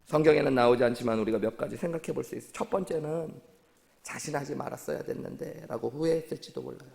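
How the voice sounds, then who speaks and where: A man's voice: medium pitch, very fast, gravelly, darkish tone. A man preaching a sermon as pastor, asking his congregation questions and repeating their answers back. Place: church sanctuary. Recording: long church hall reverb.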